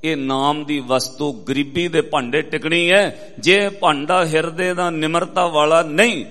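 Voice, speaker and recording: Guy preaching a sikh sermon, kinda high voice, chants the verses slow, big echoey hall. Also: steady tone, fairly bright tone. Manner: slows and intones scripture lines, addresses the congregation directly. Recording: long hall reverb.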